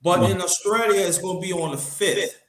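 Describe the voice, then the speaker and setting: A man gives shout-outs on a live stream in a halting voice, full of fillers. His voice is high for a man, and it sounds roomy and echoey, with faint noise behind it. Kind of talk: casual live-stream chat.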